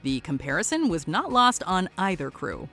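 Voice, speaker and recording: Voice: mid-range voice, very animated, moderate pace, sharp tone, faint music behind. A narrator reading a scripted countdown voice-over with wry commentary.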